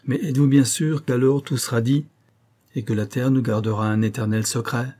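A man's voice: mid-range voice, fairly even intonation, normal speed, mellow, close to an everyday voice. A man voicing a proud, cornered young nobleman who argues insistently, in a storybook reading. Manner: heated, insistent pleading.

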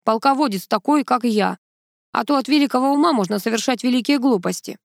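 A woman's voice: fairly high pitch, brisk, gravelly, no room sound, studio quality, voice pushed up. Woman reading Degtyarev, a boastful colonel. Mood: smug. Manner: boastful, lecturing. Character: gruff older male colonel, bossy and self-important. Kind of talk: audiobook character reading.

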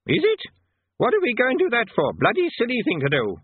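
Shrill, cantankerous old wizard. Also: male voice, wildly swooping pitch, brisk, breathy edge, dry recording, full character voice. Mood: querulous, baffled. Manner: querulous, loud high-pitched exclaiming. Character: deaf, gnarled, cantankerous old male arch-chancellor wizard. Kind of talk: audiobook character voice in comic fantasy. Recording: band-limited, phone-like audio.

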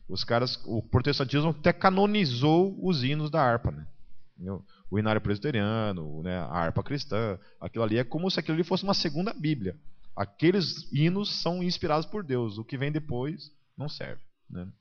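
A Brazilian-accented man gives a chatty sermon at a mid-pitched, swinging pitch, tagging his sentences with little check-ins and mimicking the people in his stories. The recording sounds somewhat muffled and dull. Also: animated, fairly quick. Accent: Brazilian Portuguese. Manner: chatty, tags nearly every sentence with a question, acts out quoted people. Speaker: preacher. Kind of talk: conversational sermon.

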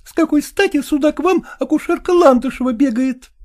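A man's voice: very high-pitched, fairly quick, darkish tone, voice pushed up. A man voicing a jealous, tearful woman who presses her lover with reproachful questions, reading an audiobook.

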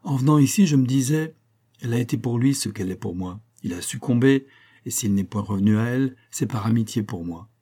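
A man's voice: medium pitch, animated, brisk, dark tone, close to an everyday voice. A man voicing a bitter, sarcastic older man who lectures a friend in an audiobook. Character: old man Liénard, bitter and cutting.

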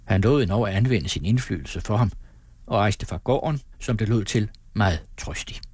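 A man reading a classic novel aloud in a measured, phrase-by-phrase way. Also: lowish voice, lively intonation, darkish tone, no room sound. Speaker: audiobook reader.

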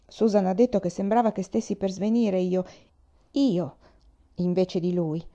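A woman's voice: medium pitch, measured pace, warm tone, dull audio, lightly acted. Woman voicing a timid dreamy boy. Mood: plaintive. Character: sensitive dreamy young boy, fearful of pain.

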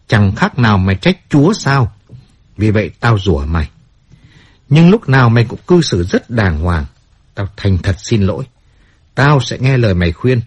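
A man narrating voices a hot-tempered singer in a storybook reading. The voice is husky, with lively rises and falls. He speaks bluntly and roughly, quick to curse and quick to apologize. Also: medium pitch. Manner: blunt, rough-spoken, swings between cursing and apology. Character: volatile washed-up male singer, apologetic and bitter.

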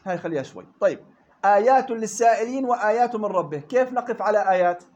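A man with a Levantine Arabic accent leads a Quran recitation lesson in a fairly high voice, moving briskly from point to point. He keeps pausing to fire questions at his students and explains each rule in plain colloquial speech. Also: animated, darkish tone, lo-fi sound. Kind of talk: classroom lesson.

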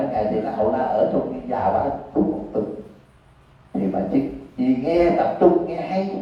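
A Buddhist monk with a Southern Vietnamese accent, giving a sermon in a folksy, conversational storytelling manner. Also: male voice, medium pitch. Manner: folksy, conversational, acts out characters. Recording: echoey hall, far from mic, dull lo-fi.

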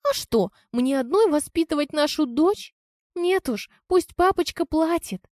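A woman reading an audiobook, voicing a brazen young woman with a sneering, high voice. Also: animated, measured pace, a little mellow, no room sound, clean studio sound. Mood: insolent.

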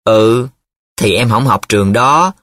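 A man's voice: fairly low pitch, slow pace, a bit bright, dry recording, clean studio sound. A man voicing a flustered, secretive young male student in love who talks in a hesitant, defensive way, in an audiobook.

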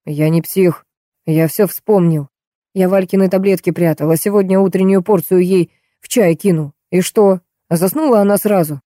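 A woman's voice: on the low side, moderate pace, no room sound, clean studio sound, close to an everyday voice. A woman doing a raving, deranged old man. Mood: bitter. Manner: shouting, accusing, repeating himself.

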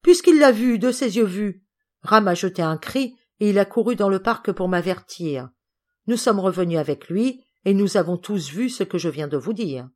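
A woman's voice: mid-range voice, expressive, moderate pace, close to an everyday voice. A woman reading the lines of a prim, indignant lady cousin in an audiobook, precise and accusing.

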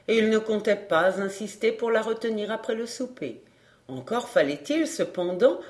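A woman reading a classic novel aloud as narrator, steady and measured. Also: medium pitch. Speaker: audiobook reader.

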